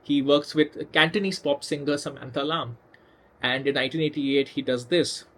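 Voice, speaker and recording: Guy kinda high voiced, chatty video host, restarts a lot, little background hiss. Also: normal speed, a bit bright. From India. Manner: conversational, with restarts and emphatic asides. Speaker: music channel host. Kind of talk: casual storytelling video essay.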